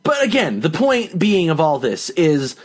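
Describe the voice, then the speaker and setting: Animated, swearing man with a lively voice. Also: on the high side, measured pace. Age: 30s. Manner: animated, sweary, argues with the premise. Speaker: podcast co-host. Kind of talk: casual comedy podcast chat.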